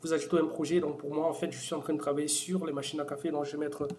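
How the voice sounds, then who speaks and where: Man, tutorial presenter, fairly high voice, hesitant, lots of fillers, keyboard typing behind. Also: level tone, very fast, darkish tone, a little hiss or hum. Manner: hesitant, many fillers and restarts. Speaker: software demo presenter. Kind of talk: casual screen-recorded tutorial.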